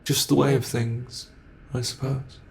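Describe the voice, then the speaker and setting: In this ASMR horror roleplay, a British man voices a cruel under-the-bed monster that mocks and toys with trapped prey. His medium-pitched, darkish voice barely shifts in pitch and is gravelly, slow and drawn out, with a little hiss or hum. The mood is menacing as he savors every taunt.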